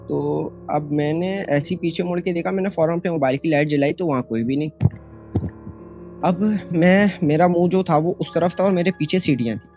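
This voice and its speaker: With a darkish, slightly high voice, a young Pakistani man tells about a horror encounter he personally had. He rambles casually, full of fillers and restarts. It's a dull lo-fi phone voice note with faint music behind him.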